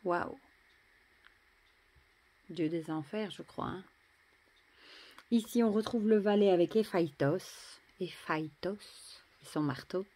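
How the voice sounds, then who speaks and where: A French woman casually showing and admiring tarot cards, chatty, often dropping to a soft murmur. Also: fairly low pitch, takes it slowly, long pauses. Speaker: tarot deck reviewer. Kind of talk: casual show-and-tell.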